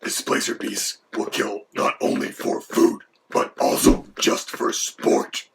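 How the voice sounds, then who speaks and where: A man voicing a menacing male dragon who co-hosts, with a gravelly, whispery voice. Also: takes it slowly, lightly acted. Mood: matter-of-fact. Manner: mock-menacing, then lecturing in turn with the host. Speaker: co-host. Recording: background noise.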